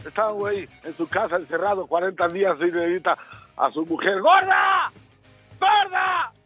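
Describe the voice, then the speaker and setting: A man's voice: high-pitched, steady tone, fast talker, a bit bright, husky, muffled recording, faint music behind. A Mexican man comedian firing off crude one-liners in a stand-up joke battle on a radio broadcast.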